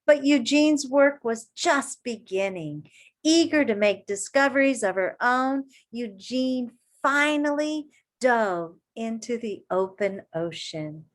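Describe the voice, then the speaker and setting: A woman whose voice is on the high side reads a children's story aloud with a teacher's deliberate, expressive style. She pauses to pose questions to her young listeners and to give them words of encouragement.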